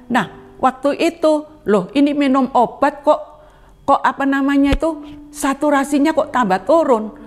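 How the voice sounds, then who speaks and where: An older woman giving an earnest spoken testimony in a church service, addressing the congregation directly and acting out remembered dialogue. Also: normal speed. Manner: earnest, addresses congregation as beloved brothers and sisters; acts out quoted dialogue with rising pitch.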